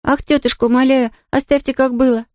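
An eager, chirpy little girl, as a woman reader puts her on for an audiobook, high-pitched and rattling quickly through her lines. The sound is dry and close. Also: level tone, no echo, natural voice. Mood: pleading. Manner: bright, chirpy and pleading. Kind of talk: audiobook character reading.

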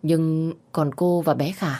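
A woman voicing a calm, helpful young man who speaks softly and reassuringly. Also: sits low, slow pace, heavily acted. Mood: worried.

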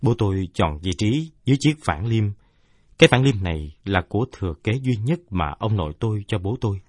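A man tells a first-person story in a steady, measured manner. His voice is low and husky. It comes across close and dry, with no room sound. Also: dry recording. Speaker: narrator. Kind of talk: first-person audiobook narration.

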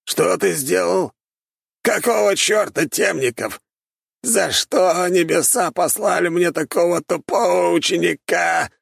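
A man voicing a grumpy, sickly old male mentor who scolds his pupil in a hoarse, wheezing voice. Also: on the high side, measured pace, fairly bright tone, no room sound, clean studio sound, pitched above the performer's own voice, full character voice. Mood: outraged. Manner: gruff and scolding. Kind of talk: audiobook character voice.

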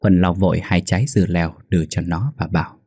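A man tells a sad tale in a somber, measured manner. His voice is low and husky. The recording is dry and close, with no room sound. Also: fairly even intonation, dark tone, no echo. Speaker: storyteller. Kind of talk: storybook narration.

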